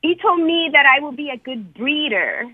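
A woman talking on speakerphone as a guest on a radio call-in show, blunt and incredulous, with quick laughs. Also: high voice, animated, no room sound. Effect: on speakerphone over a phone line. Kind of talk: casual phone chat. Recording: tinny phone-line audio.

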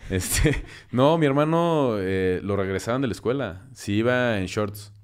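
A man's voice: on the low side, lively intonation, unhurried, clean tone. A man from Mexico hosting a podcast, telling stories in a teasing, wry way. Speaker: podcast host. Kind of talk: casual chat.

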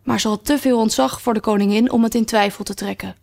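A woman's voice: a little high, fairly even intonation, fast talker, vocal fry, darkish tone. Woman reading a storybook aloud. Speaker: audiobook narrator.

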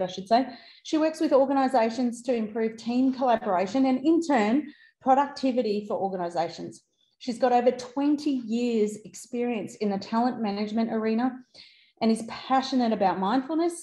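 A woman's voice: fairly high pitch, darkish tone. A woman hosting a conversational interview in an encouraging, affirming manner. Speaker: interview host. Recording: roomy, echoing voice recording.

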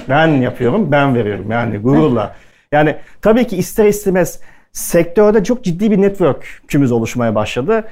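A man's voice: fairly high pitch, big pitch swings, normal speed, a little mellow. Chatty man telling anecdotes onstage. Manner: chatty anecdotal delivery, acting out quoted dialogue. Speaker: speaker at a culinary event. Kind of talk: casual storytelling talk to an audience.

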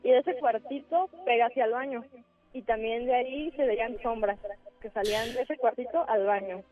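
A woman caller with a Mexican accent, haltingly telling a ghost story over the phone and mimicking noises. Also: on the high side. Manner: halting, with filler words and sound effects. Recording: tinny phone line with faint music.

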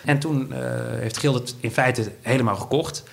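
A man, an entrepreneur being interviewed, who talks quickly in halting phrases full of fillers and restarts. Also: medium pitch, creaky, a bit bright. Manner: fast, halting speech with many fillers and restarts. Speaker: entrepreneur guest. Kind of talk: conversational interview.

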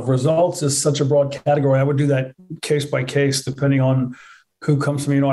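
A man's voice: medium pitch, darkish tone. A man giving conversational, matter-of-fact answers as a fitness trainer, repeating points for emphasis. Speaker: fitness trainer, interview guest. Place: remote video call.

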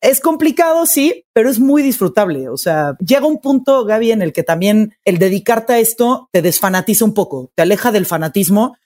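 A woman's voice: mid-range voice, animated, fairly quick, few pauses, a little mellow. A woman, a football play-by-play narrator, talking earnestly and emphatically in an interview. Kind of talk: interview conversation.

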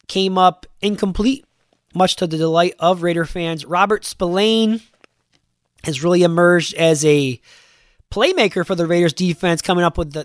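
A man's voice: high-pitched, no room sound, studio quality. A man hosting a sports podcast in a loose, chatty way with lots of fillers, sounding a little congested from a cold. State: congested, under the weather. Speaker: podcast host. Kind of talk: casual podcast talk.

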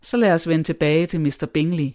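Brief: wry, deadpan husband and father, mildly mocking and unhurried , as a reader puts him on. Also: medium pitch, lightly acted. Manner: dry, teasing, sarcastic. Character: dry sarcastic middle-aged father and husband. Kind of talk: audiobook character voice.

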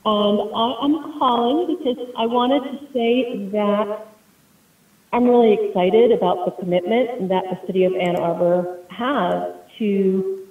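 A woman calling in by phone to give public comment at a city meeting, talking earnestly and upbeat with frequent pauses. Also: medium pitch. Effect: phone-in caller heard over a phone line. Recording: tinny phone line, echoey and distant.

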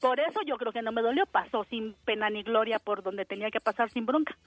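Lively Mexican woman telling a story. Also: on the high side, a little fast, dry recording. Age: 40s. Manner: animated, acts out the people in her story. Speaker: caller. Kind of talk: casual storytelling on a radio show.

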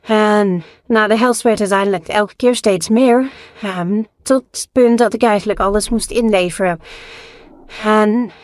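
A woman in her early thirties gives a hesitant personal testimony, pausing on fillers, her voice disguised with AI. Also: medium pitch, no echo. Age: early 30s. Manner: hesitant, many fillers and restarts. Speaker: anonymous interviewee.

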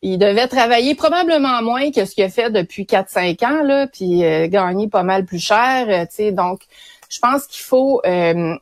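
Female radio commentator, Quebec French accent, mid-pitched, conversational and opinionated, very dry studio-like sound. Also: expressive, moderate pace, no room sound. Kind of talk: casual current affairs commentary.

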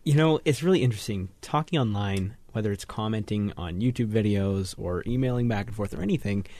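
A teenage boy on a radio panel, explaining his views in a measured way with frequent ums. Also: fairly low pitch, a little mellow, no echo. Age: teens. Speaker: teen panelist. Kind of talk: thoughtful radio panel talk. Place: radio studio.

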